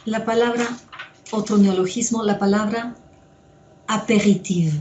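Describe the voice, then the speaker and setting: Slow-speaking woman lecturer, echoey room. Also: mid-range voice, fairly even intonation, dark tone, lo-fi sound, a little hiss or hum. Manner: measured, explains step by step with fillers. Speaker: psychoanalyst lecturer.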